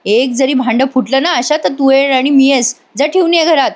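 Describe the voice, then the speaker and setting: A harsh older aunt rebukes and mocks everyone in her way, voiced by a woman reading a serial review. Her voice is shrill, scornful and berating, and sits high in pitch. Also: moderate pace, lightly acted. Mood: scolding.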